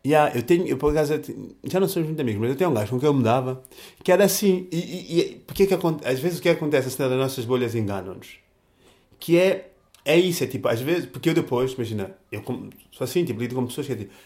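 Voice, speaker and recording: A man's voice: mid-range voice, expressive, quick pace, darkish tone. A young man with a European Portuguese accent, talking in a casual reflective monologue full of slang, restarts and fillers.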